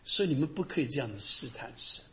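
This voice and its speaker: A middle-aged man, a pastor, preaching a sermon and telling Bible stories in an animated way. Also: mid-range voice, quick pace. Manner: animated storytelling, acting out the people in the Bible stories.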